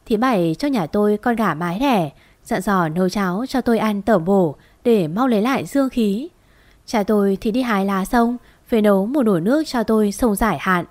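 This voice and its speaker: A woman's voice: medium pitch, moderate pace, no room sound. Woman telling a ghost story. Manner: lively, conversational telling. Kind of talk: first-person narration of a ghost story.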